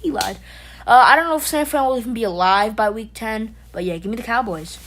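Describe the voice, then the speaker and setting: Here the livestream host has a fairly high, slightly bright voice and a brisk delivery, captured on rough audio. Playful and jokey, she addresses chat members by name while rambling, restarting, and filling gaps with fillers.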